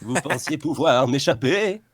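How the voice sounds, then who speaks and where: A man's voice: medium pitch, expressive, measured pace, breathy edge. A man voicing a gloating male alien villain in a comic fan-fiction reading, theatrical in manner.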